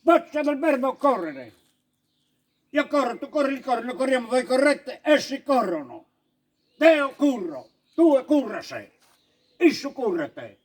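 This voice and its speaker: A man voicing a gruff rustic mountain villager with a Sardinian accent, who bursts into scolding shouts. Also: extremely high pitch, big pitch swings, unhurried, full character voice.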